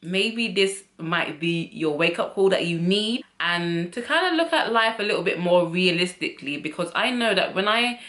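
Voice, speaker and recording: A woman's voice: lowish voice, animated, moderate pace, hardly any pauses, a bit bright. A woman in her twenties, chatting candidly to camera as a vlogger. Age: 20s. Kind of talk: casual chat to camera. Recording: roomy echo.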